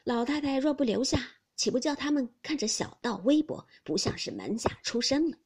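A woman voicing a flattering old male Taoist priest who speaks humbly and coaxingly. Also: high voice, brisk, breathy edge. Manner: humble, coaxing, smiling speech.

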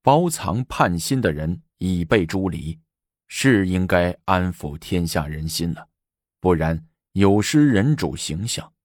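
A man voicing a calculating, imperious empress who speaks slowly and quietly. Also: low voice, expressive, no echo, clean studio sound. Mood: measured.

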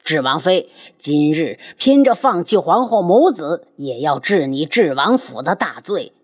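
A woman's voice: sits low, sing-song, unhurried, husky, exaggerated voice. A woman voicing a furious, domineering male emperor who barks commands in a storybook reading. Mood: angry. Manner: commanding, threatening.

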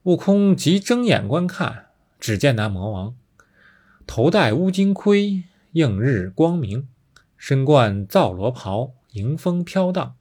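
A man narrating a classic novel with expressive, dramatic storytelling. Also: medium pitch, slow pace, slightly rough.

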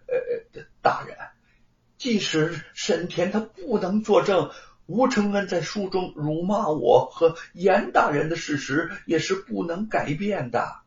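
A man's voice: sits high, animated, slow pace, pitched above the performer's own voice, heavily acted. A man voicing a spiteful, scheming country squire in an audiobook story, talking in a wheedling, nervous way. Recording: roomy, slightly dull recording.

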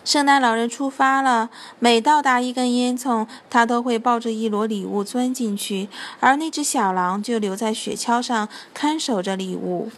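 A woman narrating a children's story in a gentle storytelling manner, with occasional slips. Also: fairly high pitch, normal speed, few pauses.

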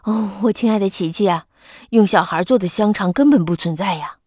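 A woman's voice: medium pitch, fairly quick, no room sound, clean studio sound, voice pushed down, lightly acted. Woman doing a patient father crocodile. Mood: gentle. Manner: gently reasoning.

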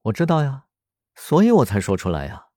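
A man's voice: mid-range voice, wildly swooping pitch, brisk, mellow, no echo, studio quality, voice pushed up. A man voicing a cheerful, teasing young woman in a storybook reading.

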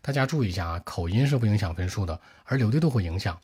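A man teaching exam-speaking tips in a brisk, direct way, talking straight to his viewers. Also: lowish voice, animated, a little mellow, husky. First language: Mandarin Chinese.

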